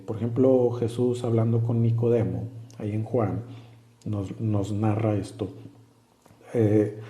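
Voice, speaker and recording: A man's voice: mid-range voice, dark tone, roomy sound. A man giving a conversational Bible study sermon, explaining plainly, reading verses aloud and often checking in with his listeners. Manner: hesitant with frequent fillers and restarts. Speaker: Bible teacher.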